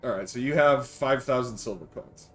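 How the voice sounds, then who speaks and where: A man's voice: medium pitch, moderate pace, soft background music. A man acting as game master, narrating a tabletop game casually and often thinking aloud with some hesitation.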